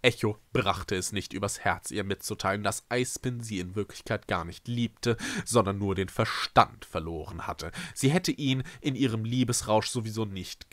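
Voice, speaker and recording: A man reading a novel aloud with lively, expressive narration. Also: lowish voice, moderate pace, hardly any pauses, no echo. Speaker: reader. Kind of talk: storybook read-aloud.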